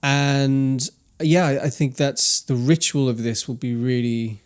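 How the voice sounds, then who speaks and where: A young male podcast co-host speaks in a smooth, mid-range voice with a steady tone and a slightly slow pace. His casual chat is reflective and rambling, full of restarts.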